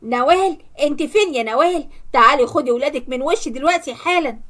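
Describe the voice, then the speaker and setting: A woman's voice: sits high, lively intonation, fast, a bit bright. A woman voicing a short-tempered middle-aged husband in an Egyptian accent, blustering at his children. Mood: furious. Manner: barking, blustering.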